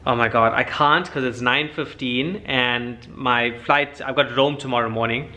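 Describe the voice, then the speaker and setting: A man's voice: mid-range voice, a little slow, sharp tone. Chatty man. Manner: chatty, informal, addressing viewers as guys. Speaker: vlogger, airline cabin supervisor. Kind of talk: casual vlog chat to camera.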